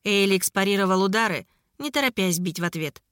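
A woman narrating a fantasy audiobook in a brisk, expressive reading. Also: mid-range voice, smooth, dry recording, clean studio sound.

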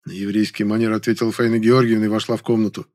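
A man's voice: fairly low pitch, little pitch movement, rapid-fire, a little mellow. A man reading a novel aloud in the first person, with a wry, dry delivery. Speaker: audiobook narrator.

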